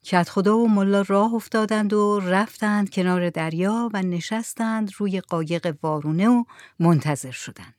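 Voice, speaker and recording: A woman's voice: mid-range voice, a little mellow, dry recording. Woman reading a story, dry close sound. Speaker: narrator.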